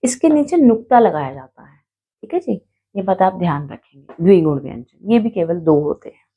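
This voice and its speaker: This Hindi grammar teacher has a husky, lowish voice, very animated yet moderately paced, and the sound is phone-quality. She explains patiently, repeating each letter aloud, calling her students "beta" and confirming with "theek hai".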